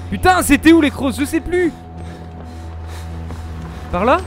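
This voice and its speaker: Panicking gamer, high-pitched Frenchman. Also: lively intonation, a little fast. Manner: panicking gamer, shouting frantic repeated exclamations and swearing. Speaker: game streamer. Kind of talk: live horror game commentary. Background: horror game music and effects.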